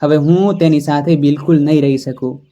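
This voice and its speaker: A man voicing a stubborn, quick-tempered young wife who speaks sharply and indignantly. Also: a little high, mellow, muffled recording, natural voice. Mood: angry.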